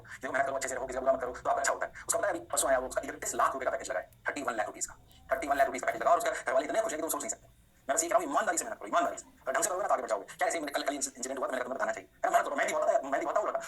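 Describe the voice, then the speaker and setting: A middle-aged man teaching physics in an animated lecture, answering himself in his students' voice and dropping into sudden whispers. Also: medium pitch, racing. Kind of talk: lively classroom lecture.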